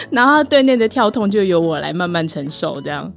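A woman's voice: lowish voice, vocal fry. A middle-aged woman with a Taiwanese Mandarin accent, co-hosting a podcast in casual chat and telling stories with acted-out quotes. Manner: chatty storyteller, acts out quoted dialogue. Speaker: podcast co-host.

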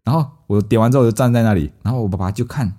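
A man from Malaysia with a lowish, racing voice tells a story casually as a podcast host. He's a lively anecdote-teller who acts out the lines of his family members as he quotes them.

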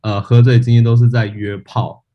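A man's voice: mid-range voice, moderate pace, muffled recording. A man co-hosting a podcast, casually telling a funny story about himself, laughing at his own mishaps and acting out what people said. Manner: animated storyteller, laughs at himself, acts out quotes. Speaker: podcast co-host.

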